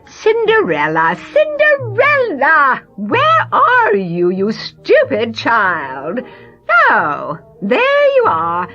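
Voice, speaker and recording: A woman's voice: high-pitched, bright, forceful tone, muffled recording, heavily acted. A woman voicing a bossy, scornful middle-aged stepmother who drawls and mocks theatrically. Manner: slow, drawn-out, mocking, grandly theatrical.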